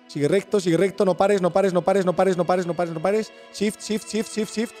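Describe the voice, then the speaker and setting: A man with a Spain Spanish accent calmly talks a teammate through a game, repeating the same short directions over and over. His voice sits a little high but sounds mellow and soft-edged, with faint game music underneath. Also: normal speed. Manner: patient, repetitive step-by-step directions. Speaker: gaming streamer guiding a teammate. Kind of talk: casual gameplay coaching.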